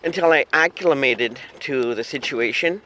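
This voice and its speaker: Sitting in a car, a man in his fifties vlogs with rambling chatter, jokes, chuckles and silly hummed tunes. He speaks at normal speed in a sharp-toned mid-range voice, though the audio is poor with slight background noise.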